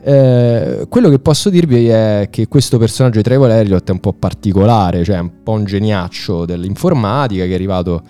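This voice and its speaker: A man's voice: lowish voice, brisk, few pauses, warm tone, clean tone, soft background music. A man telling a story to friends in an emphatic, informal way, acting out dialogue and repeating words. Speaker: podcast host recounting a TV series.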